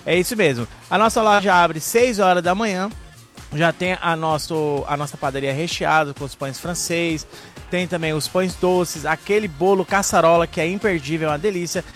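A Brazilian man pitching supermarket offers live on radio like a market barker, reeling off products and prices. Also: normal speed, fairly bright tone, soft background music. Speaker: supermarket spokesman reading out offers.

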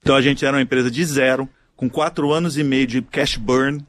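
A man's voice: medium pitch, steady tone, brisk, dry recording. A man, a business founder, speaking reflectively in an interview clip.

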